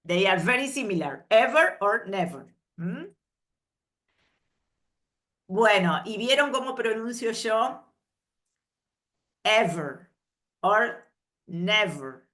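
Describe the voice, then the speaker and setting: Slow, patient woman teacher. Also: a little high, expressive. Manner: checks in with a soft questioning "mm?" after each point; switches between Spanish explanation and carefully spoken English examples. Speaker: English teacher. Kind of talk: slow explanatory workshop lesson.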